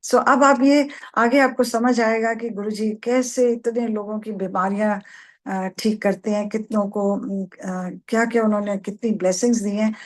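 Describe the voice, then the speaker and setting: A woman's voice: medium pitch, steady tone, normal speed. A woman explaining a devotional book in earnest, restating her points in English. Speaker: spiritual book reader and explainer.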